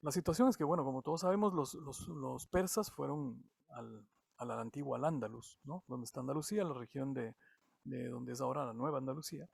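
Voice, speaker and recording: A man from Latin America explains music theory, his voice gravelly with a creaky edge. He stumbles and repeats words as he works through each point, recorded close and dry with no room sound. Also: medium pitch, fairly quick, a little mellow, no room sound. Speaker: music teacher. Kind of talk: online music theory lesson.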